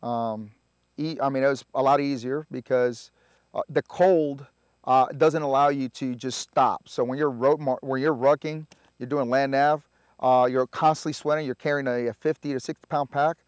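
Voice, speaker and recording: A man, a Spanish speaker, telling his story in a relaxed, halting way full of filler sounds. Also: medium pitch, clear, resonant tone, no room sound, studio quality. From Puerto Rico. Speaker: army veteran guest. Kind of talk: casual interview storytelling.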